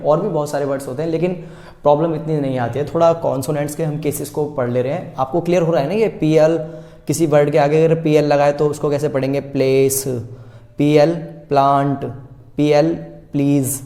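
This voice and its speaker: A man gives a patient spoken lesson, sounding each word out slowly and repeating it, with a mellow, darker tone. His voice rings in an echoey room. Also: a little high. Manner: patient, repeats words slowly and asks the viewer questions. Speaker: English teacher.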